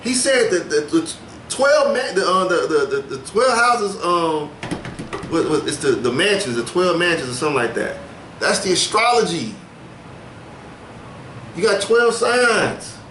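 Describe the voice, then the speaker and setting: A man co-hosting a podcast, preaching his point with a lively voice that swings up and down in pitch. He sits high in his range and keeps repeating words while he gathers his thoughts. The sound is echoey, with a faint hiss behind it. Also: a little slow. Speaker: podcast co-host. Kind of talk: casual podcast chat.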